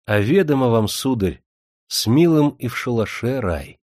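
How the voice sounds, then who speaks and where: A bold, cheerful young village girl from a storybook, lilting and teasing, as a man puts her on. The voice is a man's low voice lifted a little and kept dry. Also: expressive, normal speed, a little mellow, dry recording, lightly acted. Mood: playful. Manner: lilting, playful.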